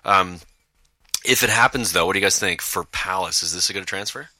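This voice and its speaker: A man's voice: low-pitched, a little fast, sharp tone, dry recording. A man hosting a casual sports podcast, talking with lots of fillers and restarts while steering the discussion. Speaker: podcast host.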